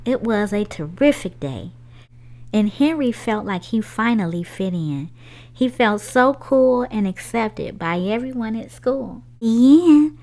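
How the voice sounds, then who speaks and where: A woman hosts children's story time, reading aloud in an animated, sing-song manner aimed at small children. Her voice is a little high and darkish, and her pace a little slow.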